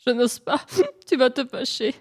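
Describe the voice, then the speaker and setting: A woman's voice: sits high, fairly even intonation, normal speed, voice pushed up. Woman voicing a whiny scheming young hare. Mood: whiny pleading. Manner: whining and pleading. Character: lazy cunning young male hare, whiny.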